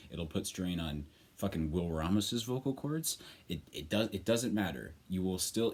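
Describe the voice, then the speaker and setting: A man with a low voice talks through a vocal lesson like a casual coach. He rambles informally and leans on words for emphasis. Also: darkish tone, husky. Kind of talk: casual spoken tutorial.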